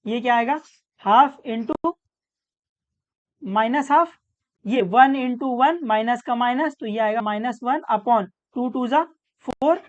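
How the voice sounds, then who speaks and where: A woman tutor walks through a maths problem step by step, with terms. Her voice sits a little high, and she answers her own questions patiently. The recording sounds dull and lo-fi. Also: slow pace, pauses often.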